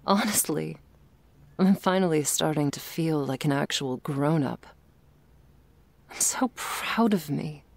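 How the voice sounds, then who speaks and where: A woman with a deep, exaggerated voice plays a confident, teasing, yet vulnerable girlfriend in an intimate ASMR romance roleplay. She confides tenderly and haltingly, often slipping into breathy whispers, with an earnest, vulnerable mood.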